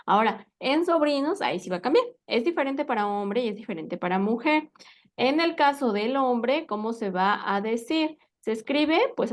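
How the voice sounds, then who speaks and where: Patient woman teaching English. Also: fairly high pitch. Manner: patient, quizzing with frequent tag questions. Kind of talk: live English vocabulary lesson.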